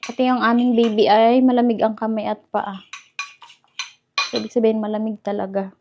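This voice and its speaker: A woman's voice: fairly high pitch, level tone, fairly quick, noisy background. A Filipino woman with a Filipino accent chatting casually to her viewers while cooking in her home kitchen, often calling them guys. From Philippines. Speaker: vlogger. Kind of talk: casual chat to camera.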